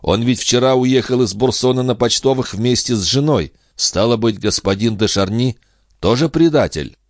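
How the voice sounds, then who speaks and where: A man's voice: mid-range voice, normal speed, dry recording, clean studio sound, voice pushed up, lightly acted. Man playing a naive, eager peasant lad. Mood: earnest, puzzled. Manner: earnest, excitable, polite.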